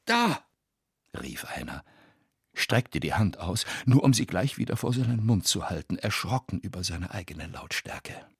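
A man reading a dark story aloud in a measured, suspenseful narration with a husky voice. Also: deep voice, lively intonation, dry recording, clean studio sound. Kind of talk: scripted audiobook narration.

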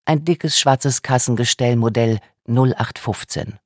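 A man's voice: mid-range voice, a little slow, no room sound, studio quality. Man reading a novel aloud. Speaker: audiobook narrator. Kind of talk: scripted narration.

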